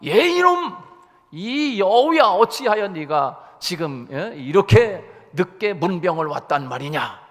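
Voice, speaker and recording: A preacher roaring as a booming lion king. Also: a little fast, fairly bright tone, long reverb tail, close to an everyday voice. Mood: thundering. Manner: booming, scolding. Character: angry sick male lion king. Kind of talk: sermon storytelling.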